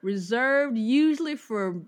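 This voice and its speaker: A woman's voice: a little high, slow. A middle-aged woman, a teacher, talking candidly as a podcast guest and acting out her classroom voices with bursts of laughter. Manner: animated storyteller who acts out her classroom voices with laughter. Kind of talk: candid conversational interview.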